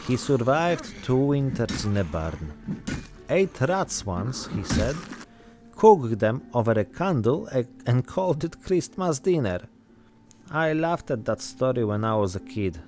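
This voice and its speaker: A man voicing a weary immigrant zombie-apocalypse survivor, telling his story in short, deadpan, reflective phrases. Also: medium pitch. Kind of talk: narrated in-character role-play monologue.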